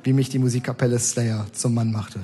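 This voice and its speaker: A man giving a comic stage reading of his own texts, narrating in the first person in a dry, deadpan way. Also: medium pitch, fairly quick, very noisy.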